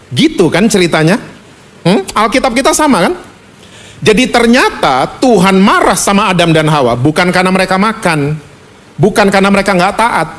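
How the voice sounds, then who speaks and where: High-voiced animated male preacher. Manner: animated, conversational, asks the congregation questions. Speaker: pastor. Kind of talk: lively preached sermon. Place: church service.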